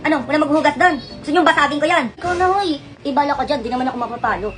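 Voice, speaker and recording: A woman in comic family skits, talking in a quick, scolding, exasperated way. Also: high voice. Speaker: comedy skit creator. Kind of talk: comic skits playing several family roles. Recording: skit clip with loud music behind.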